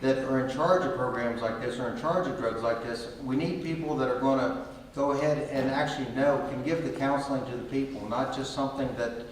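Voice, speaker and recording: A man's voice: mid-range voice, fairly even intonation, a little fast, slight background noise. A man running for council speaks plainly and bluntly at a public forum. His voice carries a long, ringing reverb from a large hall. He sounds far from the mic. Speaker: council candidate. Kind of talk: candidate forum answers.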